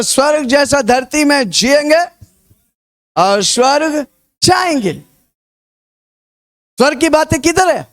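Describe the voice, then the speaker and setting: This male preacher from India has an unusually high voice and an energetic, insistent style. He paces his sermon with vivid stories and repetition, repeatedly getting the congregation to repeat his words in a rousing call-and-response.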